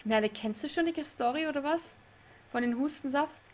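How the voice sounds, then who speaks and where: A woman's voice: high voice, moderate pace, darkish tone. A young woman streaming a game live, chatting with her chat, laughing often and getting confused. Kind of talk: live let's play with chat reading. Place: home room.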